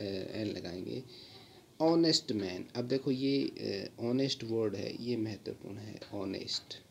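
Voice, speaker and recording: A man teaching English grammar in a patient lesson, repeating words slowly and pausing on fillers. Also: mid-range voice, creaky, a little mellow, muffled recording, a little hiss or hum. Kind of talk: slow explanatory lesson.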